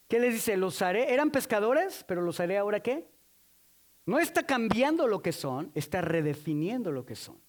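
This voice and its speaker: A man's voice: sits high, a little mellow. A man from Mexico City with a Mexican accent, preaching a sermon emphatically, calling for responses and teasing the congregation. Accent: Mexican Spanish. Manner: playful teasing asides. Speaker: pastor.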